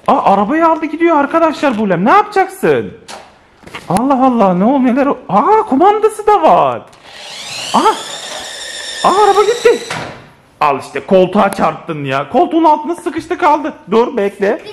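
A man narrating a family vlog at home, excitedly exclaiming and talking to his viewers as friends. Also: very high voice, normal speed, a little hiss or hum. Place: home living room.

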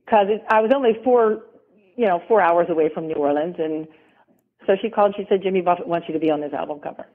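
Over a tinny phone line, a middle-aged former model from the American South talks as a guest in a casual interview, rambling and laughing often. Her voice is on the low side, and she speaks fast.

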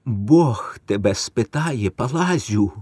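A man's voice: medium pitch, expressive, takes it slowly, dark tone, husky, dry recording, studio quality. A man reading a story, voicing a desperate older peasant mother who pleads tearfully for her sons. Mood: whispering.

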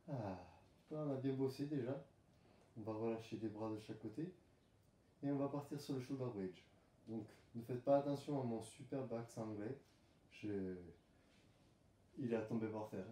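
A man leading a home pilates class, calmly calling out breathing cues and movements. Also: mid-range voice, moderate pace, pauses often. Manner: calm coaching cues, breath counting. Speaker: pilates instructor. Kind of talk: guided workout instruction. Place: room at home. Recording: roomy, distant camera mic.

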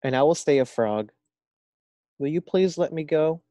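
A man's voice: a little high, animated, normal speed, mellow, dry recording, voice pushed up, natural voice. A man reading a picture book aloud, voicing a fussy, bossy little male frog who refuses to become a prince.

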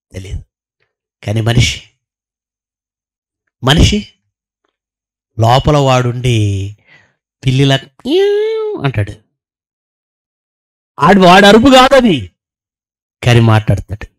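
A man delivers a sermon in a somewhat high voice, his pitch leaping and dropping as he moves between loud exclamations and near-murmurs. He fires rhetorical questions and imitates animal sounds. The sound is dry and close to the mic. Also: no room sound. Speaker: pastor.

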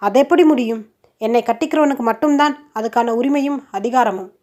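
A woman's voice: fairly high pitch, brisk, a little mellow, close to an everyday voice. A woman voicing a proud, stubborn young woman who answers in a curt, defensive way. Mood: firm.

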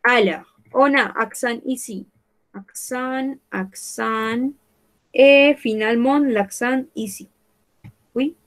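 Slow, careful French teacher woman. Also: a little high. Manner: slow, careful, repeating words for students. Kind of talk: bilingual online class, French and Spanish.

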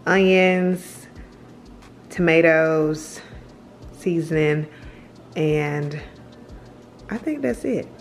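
A young woman vlogging casually at home, chatting as she unpacks and lists her groceries. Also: deep voice. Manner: chatty, unhurried, listing items aloud. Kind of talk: casual vlog narration. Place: large bare-walled house indoors. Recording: echoey room, mic at a distance.

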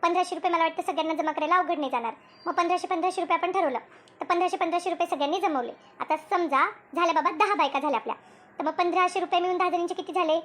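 Cartoon lead: a bossy, talkative village woman voiced by a woman, very high and quick. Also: a bit bright. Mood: explaining. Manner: explains at length, bossy. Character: bossy chatty village woman, group leader. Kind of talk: cartoon voice acting.

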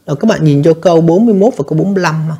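A man's voice: on the high side, racing, gravelly, dark tone, slightly rough. A man teaching an exam review lesson, explaining answers step by step and often addressing his students directly. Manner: explanatory, addresses students repeatedly, frequent fillers. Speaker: English teacher.

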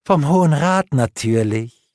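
A man's voice: on the high side, expressive, measured pace, a little mellow, no echo, clean studio sound, pitched above the performer's own voice. A man reading a scornful elf sorceress. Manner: mocking, coaxing, insinuating. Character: cunning elf sorceress mistress, scornful, seductive. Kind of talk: audiobook reading.

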